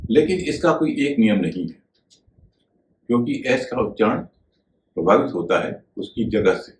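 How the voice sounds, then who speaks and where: A man with a low voice teaches pronunciation in a calm, measured way. He spells words out letter by letter before saying them. His voice rings in an echoey room over a faint background hiss. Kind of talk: explanatory video lesson.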